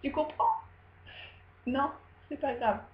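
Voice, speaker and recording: A woman's voice: high-pitched, slow pace, a little hiss or hum, pitched above the performer's own voice. A woman voicing a worried male ancient tyrant, talking casually and chattily. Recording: roomy, dull recording.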